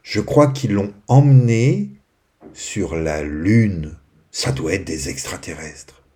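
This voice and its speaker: A man voicing a kind, gentle female fairy in a children's bedtime story, speaking softly and reassuringly. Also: sits low, lively intonation, takes it slowly, voice pushed down. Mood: serious.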